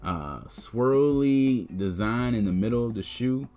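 A man's voice: mid-range voice, lively intonation, unhurried, dark tone. A man vlogging casually about sneakers, laid-back and chatty, often saying "man" and "you know". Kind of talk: casual talk to camera.

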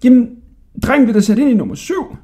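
A man's voice: very high voice, very animated, warm tone, breathy edge, pitched above the performer's own voice, full character voice. A man voicing a bewildered, grumbling old male jailer in a storybook reading. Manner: muttering, flustered.

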